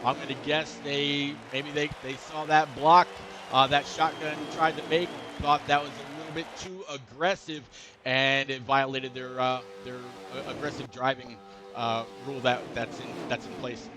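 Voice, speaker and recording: A man's voice: medium pitch, level tone, normal speed, music in the background. A man commentating a sim racing league, chatty and digressive with many fillers. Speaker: race commentator.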